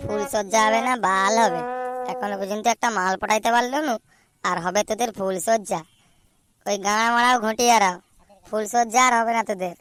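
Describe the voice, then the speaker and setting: A woman voicing a teasing, foul-mouthed young man in a cartoon, loud and mocking. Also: mid-range voice, level tone, fast, natural voice. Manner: loud mocking banter with swearing. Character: mocking young male friend, crude and teasing. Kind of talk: cartoon voice acting.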